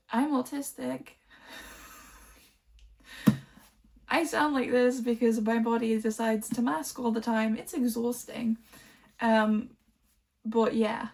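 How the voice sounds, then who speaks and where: A woman from Liverpool talks through her book collection in a loose, wandering way, forever circling back with "um" and "like". Her voice sits a little high and carries a strong gravelly fry. The talk is relaxed and unscripted. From Liverpool, England. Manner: rambling, chatty, lots of "like" and "um". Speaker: book vlogger. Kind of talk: casual chat about books.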